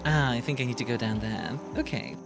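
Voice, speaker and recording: A woman's voice: a bass voice, expressive, brisk, creaky. A young woman streaming a video game, chatting casually and rambling with fillers and laughs. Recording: game music playing behind.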